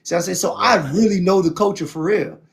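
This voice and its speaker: A man's voice: sits high, fast. A man from South Florida, hosting a heated debate on a stream and talking in an emphatic, preachy way. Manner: emphatic and preachy, repeats "see what I'm saying". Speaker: show host.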